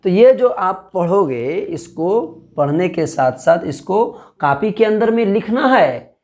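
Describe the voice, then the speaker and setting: Man, online alphabet teacher, unhurried pace, recites letter names, repeats himself, asks questions. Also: sits high, lively intonation, a little mellow. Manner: recites letter names one by one and quizzes the viewer; patient, repeats points and checks understanding. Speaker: Urdu teacher.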